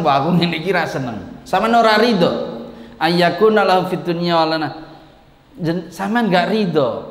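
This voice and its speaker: A man with a Javanese accent giving a religious lecture in a storytelling way. He laughs often and acts out the people in his stories. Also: fairly high pitch. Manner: storytelling, mixes Javanese and Arabic, laughs often, voices characters. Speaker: Islamic teacher. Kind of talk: religious lecture on a classical poem. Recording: echoey room with long reverb.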